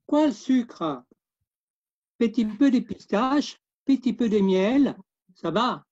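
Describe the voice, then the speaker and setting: Older man playing a welcoming dad, slow talk, lo-fi sound. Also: very high voice, expressive, darkish tone, full character voice. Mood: hospitable. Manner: welcoming, offering food. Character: hospitable older father. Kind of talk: amateur theatre web-series acting.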